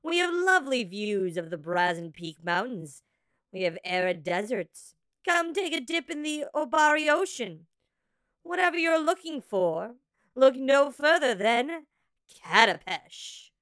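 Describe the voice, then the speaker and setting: Female travel-ad voice: gushing, lilting, highish pitch, very lively intonation. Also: unhurried, clean tone, no echo. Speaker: advertisement voice. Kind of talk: parody travel commercial read.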